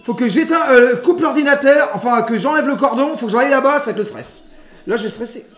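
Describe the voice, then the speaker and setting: A man with a high voice cooks while live-streaming and talks to his viewers. He rambles freely, mixing crude jokes with running commentary. His voice rings through a roomy, echoey kitchen. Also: a little fast, fairly bright tone, faint music behind. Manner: rambling, crude, joking asides to chat. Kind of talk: casual live-stream chat while cooking. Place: rented apartment kitchen. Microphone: streaming setup with camera.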